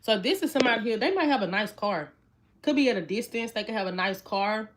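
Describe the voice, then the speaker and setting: A woman's voice: medium pitch, lively intonation, fast. A woman in her twenties doing a casual tarot reading, chatty and repetitive, talking straight to her viewers. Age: 20s. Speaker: tarot reader. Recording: card shuffling noise clearly audible. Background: shuffling cards and clicks.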